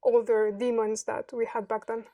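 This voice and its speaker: A woman in her thirties from Romania, answering interview questions slowly and with care, pausing often to find her words. Her voice sits fairly high but stays flat and even. It sounds dry and set back from the microphone. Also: dry recording, far from the mic. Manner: thoughtful, hesitant, many pauses and fillers. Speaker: podcast guest.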